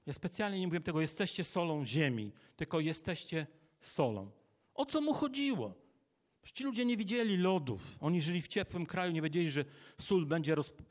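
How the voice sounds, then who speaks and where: A man preaching a sermon in a conversational way, asking his listeners rhetorical questions and acting out little imagined dialogues. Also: on the high side.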